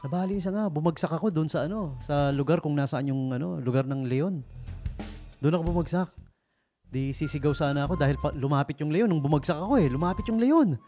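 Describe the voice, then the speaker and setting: A man's voice: fairly high pitch, brisk, warm tone. A man hosting a radio show, telling jokes in a playful, teasing way and chatting with listeners. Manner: playful, teasing joke-teller who chats with listeners. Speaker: radio DJ host. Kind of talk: joking storytelling on late-night radio. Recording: radio broadcast with a music bed.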